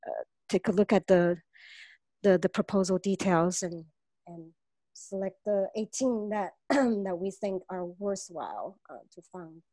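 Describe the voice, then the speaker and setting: A woman's voice: mid-range voice, lively intonation, unhurried, dark tone, dry recording. A woman announcing a mentorship program on a meeting call, her voice strained from a cold, with many fillers and trailing off.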